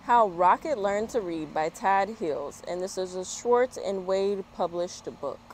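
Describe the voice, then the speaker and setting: Reading children's books in a yard, an American story time host mixes a read-aloud with friendly chat in an animated, unhurried manner. Her voice is medium-pitched and darkish. The low-quality recording from a small external mic is filled with street-work and traffic noise and outdoor ambience.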